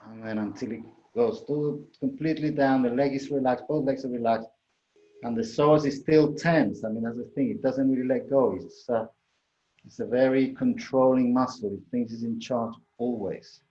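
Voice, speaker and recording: A man's voice: medium pitch, moderate pace, warm tone. A man instructing a yoga class in a conversational way, correcting himself as he demonstrates the moves. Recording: echoey room, dull muffled sound.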